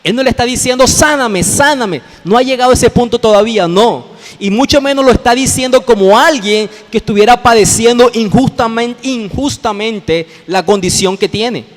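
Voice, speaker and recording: Colombian male pastor, high-pitched sermon delivery, explains and repeats for emphasis, echoing church hall. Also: normal speed. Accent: Colombian Spanish. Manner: explanatory, addresses listeners directly, repeats phrases for emphasis. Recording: long reverb of a church hall.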